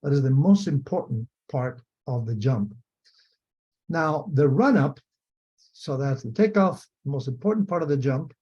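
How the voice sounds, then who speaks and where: A retired biomechanics lecturer, an older Spanish man with a Spanish accent, explains his subject over a video call, methodically repeating and rewording key points. His mid-range voice has lively intonation and is a little slow, a little mellow and slightly rough, and the audio is dull and muffled.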